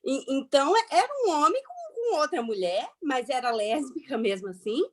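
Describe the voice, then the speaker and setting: A woman's voice: high-pitched, very animated, normal speed. A woman acting a flustered, self-righteous middle-class matron in a hammy dramatic reading, theatrical and emphatic, repeating herself as she rambles. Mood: indignant, flustered. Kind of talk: dramatic reading, satirical monologue.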